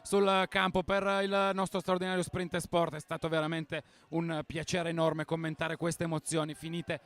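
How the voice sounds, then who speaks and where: Enthusiastic, slightly high male co-commentator. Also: flat delivery, moderate pace, a bit bright. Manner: enthusiastic, fluent praise. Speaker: football co-commentator. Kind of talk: live sports commentary.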